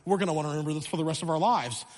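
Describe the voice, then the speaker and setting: A man playing a proud father, lowering his voice into a hushed, eager tone. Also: rapid-fire, long reverb tail, lightly acted. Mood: beaming.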